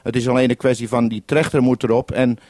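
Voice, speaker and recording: A man, speaking over a two-way radio link in a 1971 broadcast, gives step-by-step instructions as a mainland radio programme maker and closes each turn with a radio procedure word. His mid-range voice is a little mellow, with a flat delivery at a fast clip.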